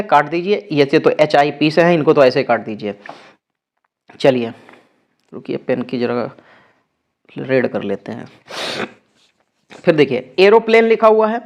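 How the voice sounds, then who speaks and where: Hindi-speaking male teacher spelling words slowly. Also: on the high side. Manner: spells words letter by letter, slow and deliberate. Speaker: exam prep teacher. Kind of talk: spelling lesson.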